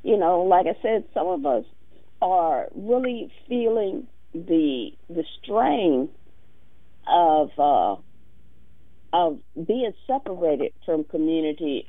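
Raspy American woman hosting talk radio. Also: low voice. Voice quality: raspy, sandpaper-like voice. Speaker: radio talk show host. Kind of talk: conversational call-in talk radio. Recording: muffled, roomy phone-like radio sound.

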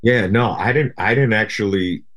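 A middle-aged man from Japan, a guest rapper, chatting in an interview in a relaxed, rambling way full of "you know". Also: on the low side, moderate pace. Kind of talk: casual interview chat.

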